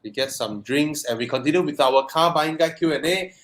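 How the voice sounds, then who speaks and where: A man's voice: fairly high pitch, fairly quick, a bit bright. A man with a Malaysian accent hosts a casual live chat, talking in a jokey, colloquial style full of banter. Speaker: host.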